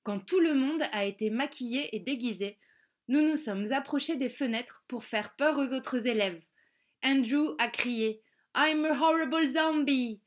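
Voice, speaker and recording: A woman reading a children's storybook aloud, slow and careful, repeating words for young learners. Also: fairly high pitch. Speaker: audiobook reader.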